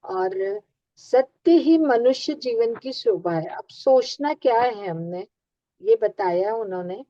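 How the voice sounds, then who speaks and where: A woman in a study group, heard over a call line, reading a religious text aloud in a steady, measured way. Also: on the high side, dry recording. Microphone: remote video call. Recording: dull, lo-fi call audio, dry.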